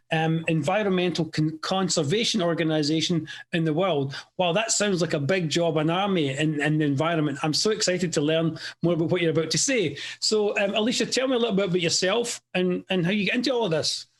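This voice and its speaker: A man hosting a video call interview, enthusiastic and halting, with many restarts. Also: high-pitched. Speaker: interview host.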